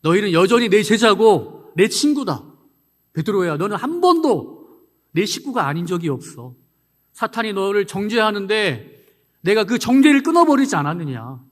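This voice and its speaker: Picture a tender, fatherly Jesus consoling a disciple who failed him, played by a male pastor in mid-sermon. His reassurance is soft and warm, in a voice pitched a little high. Every line rings on in the long echo of a church hall. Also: sing-song, moderate pace. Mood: tender, reassuring.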